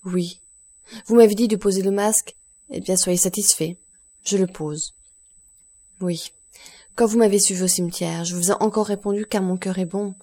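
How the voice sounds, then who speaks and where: Brief: woman reader doing a desperate young man, mid-range pitch, warm tone, audiobook. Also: fairly even intonation, normal speed, long pauses, natural voice. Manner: passionate, pleading outbursts. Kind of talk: audiobook reading of a novel.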